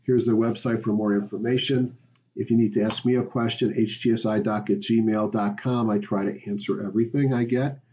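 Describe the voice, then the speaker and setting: A man's voice: lowish voice, steady tone, a little fast, mellow, dull audio, a little hiss or hum. A man, a stock market educator, hosting a weekly market review, talking conversationally and rambling with fillers.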